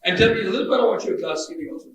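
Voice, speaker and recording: Chatty moderator man in a booming hall. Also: racing, slight background noise. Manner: chatty, joking, long winding questions. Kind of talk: panel moderation. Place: large conference hall. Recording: echoey hall, distant mic.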